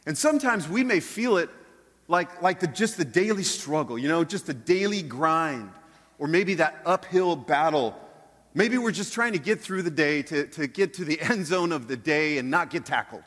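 A man's voice: fairly high pitch, lively intonation, normal speed, a bit bright. A man, a pastor, delivering a conversational sermon to a congregation, using rhetorical questions and repeating phrases for emphasis. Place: large church hall, speaking live. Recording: reverberant hall sound.

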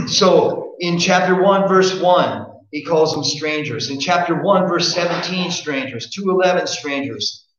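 A man's voice: fairly high pitch, animated, a little slow, fairly bright tone. A man preaching a sermon, earnest and direct, asking his listeners pointed questions. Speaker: pastor. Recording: echoey muffled room recording.

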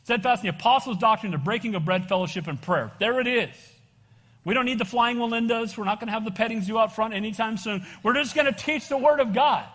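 An older American pastor with a very high-pitched, slightly bright voice preaches an evangelical, expository Bible sermon at a fast clip. He exhorts his congregation in a large church room, tossing in conversational asides and frequent calls for amens, with long reverb echoing through the hall.

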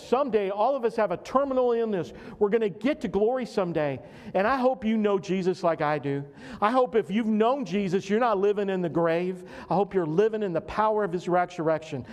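Man, pastor, high voice, earnest sermon, repeats phrases, long church reverb. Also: darkish tone. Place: church sanctuary.

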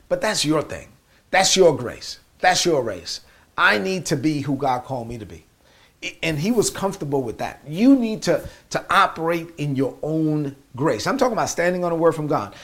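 A man with a Brooklyn New York accent preaching a motivational sermon, emphatically repeating key phrases and rhymes. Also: a little high.

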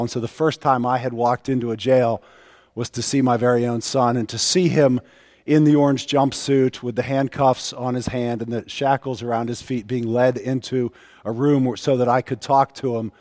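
A middle-aged male pastor speaks with a hoarse, strained voice, as if fighting a cold. He shares a personal testimony in an earnest, confessional way at a middling pitch. The sound carries the long reverb of a church hall. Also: a little mellow. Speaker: pastor and jail chaplain preaching.

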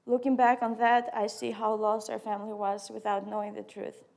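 A woman's voice: mid-range voice, flat delivery, normal speed, gravelly, darkish tone. A woman in her early twenties with an Albanian accent, a non-native English speaker reading her personal testimony aloud. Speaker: student sharing testimony.

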